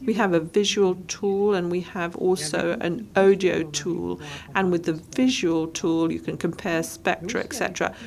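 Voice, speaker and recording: A woman giving live interpretation of a lecture, speaking in short halting phrases and correcting herself as she goes. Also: fairly low pitch, steady tone, vocal fry, a little mellow. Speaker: simultaneous interpreter.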